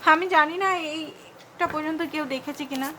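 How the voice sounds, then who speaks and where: High-voiced Bengali woman reading tarot fast. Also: noisy background. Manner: rapid, repetitive, mixes English words. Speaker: tarot card reader.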